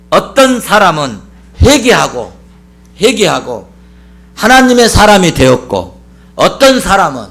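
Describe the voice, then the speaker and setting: Male pastor, middle-aged, sermon delivery; high, very lively pitch, emphatic and repetitive. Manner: emphatic preaching with rhetorical questions and repetition.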